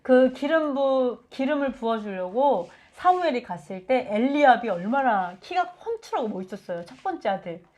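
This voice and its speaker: A woman giving a conversational Bible teaching, lively and acting out quotes from scripture. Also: high-pitched, moderate pace, few pauses. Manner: animated, acts out biblical quotes.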